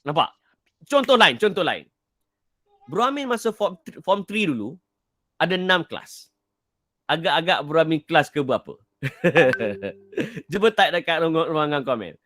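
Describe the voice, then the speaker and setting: His voice a little high and a bit bright, with big pitch swings, a middle-aged motivational speaker from Kelantan, Malaysia, speaks a little slowly and pauses often during a live online talk. He restates key points, quizzes listeners and reads their chat answers aloud. There's no echo.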